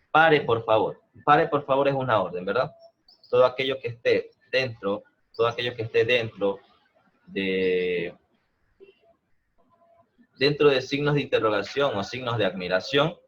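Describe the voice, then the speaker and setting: Over a video call, a man teaches an online math class, explaining patiently and often checking whether students follow with "¿no?" and "¿verdad?". His mid-range voice sounds a bit bright, though the audio is dull.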